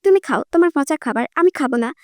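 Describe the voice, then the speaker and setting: A stubborn old grandfather grumbles and scolds in this audiobook story, voiced by a woman reader. The voice sits lower than her usual bright high tone. The recording is close and dry. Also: animated, quick pace, no room sound. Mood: grumbling. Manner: peevish, scolding.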